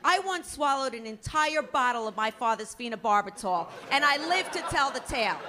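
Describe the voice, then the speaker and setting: A woman's voice: on the high side, lively intonation, moderate pace, noisy background. A middle-aged woman doing a stand-up comedy routine, ranting in a brash, profane, self-mocking way.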